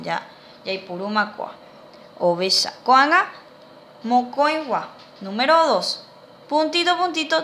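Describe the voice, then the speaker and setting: A middle-aged woman, teaching a language lesson to children, speaking slowly and carefully and repeating words for pupils to echo. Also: on the high side, bright, forceful tone.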